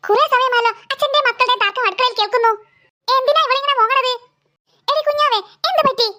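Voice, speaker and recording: A woman voicing a cartoon mother who loudly scolds her two squabbling daughters. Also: very high voice, fast. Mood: scolding. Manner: loud, exasperated, threatening. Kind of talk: cartoon dub acting.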